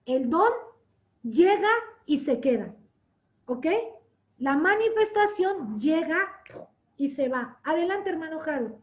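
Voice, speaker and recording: A woman teaching a church Bible class. She keeps checking in with her listeners and tells stories with lively acted-out quotes. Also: high-pitched, slow pace, pauses often. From Latin America. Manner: asks "¿sí?" to check understanding. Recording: dull lo-fi sound.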